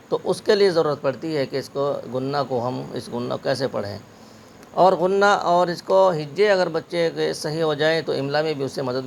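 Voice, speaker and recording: A man teaching a spelling lesson, with a gravelly, fairly high voice. He drills words slowly, letter by letter. A faint hiss runs under the recording. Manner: slow, syllable-by-syllable spelling drills.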